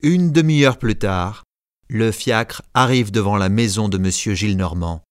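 Low-voiced male storyteller, dry studio sound. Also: clear, resonant tone, no echo. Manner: measured storytelling, voices characters lightly. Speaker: narrator. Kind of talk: scripted narration.

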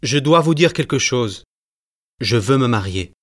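A man's voice: mid-range voice, lively intonation, moderate pace, natural voice. A man playing earnest young Marius. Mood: grave. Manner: earnest, emotional.

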